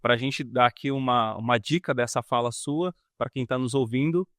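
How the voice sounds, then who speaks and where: Podcast host, male, mid-pitched, guiding tone, dry close sound. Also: moderate pace, fairly bright tone, dry recording. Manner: guiding, addresses listeners with tips. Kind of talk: casual conversational podcast.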